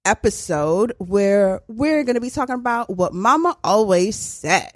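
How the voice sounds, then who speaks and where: Lively, laughing podcast host, a woman. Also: medium pitch, measured pace, no echo, studio quality. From Brooklyn, New York. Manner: playful, laughs often. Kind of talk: casual chat.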